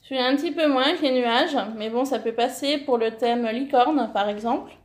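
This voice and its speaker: Bright, high-pitched woman vlogger, chatty and gushing, self-correcting, relaxed at-home haul. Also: normal speed, echoey room. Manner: enthusiastic, many fillers, self-correcting. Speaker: scrapbooking vlogger. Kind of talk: casual haul vlog, showing paper.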